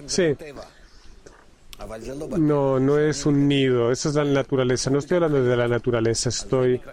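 A man interpreting a spiritual lesson live. He relays it in halting phrases, with frequent restarts and repeated words. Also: medium pitch, darkish tone. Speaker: simultaneous interpreter.

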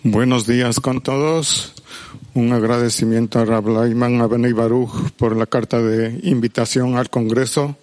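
A man's voice: mid-range voice, fairly even intonation, normal speed, a little mellow. A man addressing a teacher with thanks at a gathering. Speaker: questioner.

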